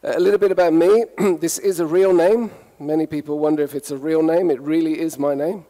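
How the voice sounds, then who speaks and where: A man's voice: fairly high pitch, steady tone, a little fast, dark tone, big-room sound. A man raised in the UK, giving a humorous conference talk and playfully asking the audience questions. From United Kingdom. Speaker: conference speaker. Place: conference hall.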